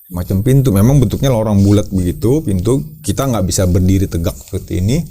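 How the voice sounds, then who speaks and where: A man who leads a caving team, telling his story to an interviewer in a casual, lively way, repeating his words and acting out shouts. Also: fairly low pitch, quick pace, a little hiss or hum.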